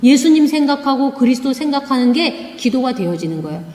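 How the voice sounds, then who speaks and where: A woman's voice: high-pitched, very animated, fairly quick, a little mellow. A woman preaching a sermon, emphatic, often asking rhetorical questions. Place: church sanctuary. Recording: echoey church hall.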